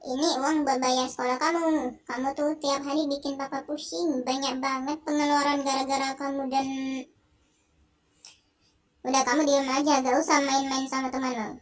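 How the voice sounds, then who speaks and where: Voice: high voice, level tone, moderate pace, natural voice. A young gamer reading out the lines of a stern father in a video game, scolding his daughter. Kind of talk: game dialogue read aloud.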